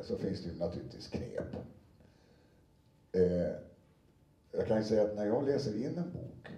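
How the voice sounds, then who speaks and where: A man's voice: fairly low pitch, mellow. A man who reads audiobooks gives an anecdotal talk to an audience, chatty and full of fillers and restarts. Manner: conversational, many fillers and restarts, briefly acts out quotes. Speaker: audiobook narrator giving a talk. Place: lecture room with an audience. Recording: roomy sound from a distant mic.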